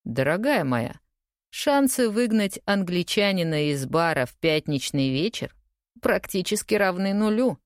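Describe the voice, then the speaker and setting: A woman's voice: on the low side, a little slow, no room sound. A woman reading the part of a suave, unflappable English lawyer with dry, teasing wit in an audiobook. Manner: calm, teasing, deadpan.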